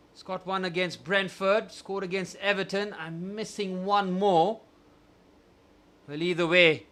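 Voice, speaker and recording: A young man hosting a live watchalong, giving partisan match commentary that swings from glum musing to excited shouting. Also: high-pitched. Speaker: watchalong host.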